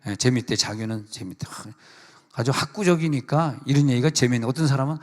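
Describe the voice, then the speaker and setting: A senior pastor giving a chatty sermon at a prayer meeting, teasing the congregation and acting out quotes. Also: male voice, medium pitch, a little fast, a little mellow. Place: church sanctuary. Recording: reverberant church hall.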